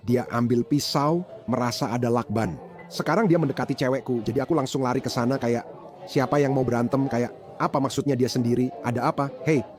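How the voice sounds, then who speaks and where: A man dubbing a bystander who excitedly recounts a fight to police in casual slang. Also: mid-range voice, natural voice. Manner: agitated, animated retelling with slang. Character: agitated man recounting a brawl. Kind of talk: dubbed bodycam account.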